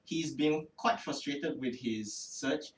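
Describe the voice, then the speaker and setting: A man's voice: mid-range voice, slow pace, a little hiss or hum. A man narrating as game master of a tabletop game, hesitant and full of fillers. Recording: roomy, distant mic.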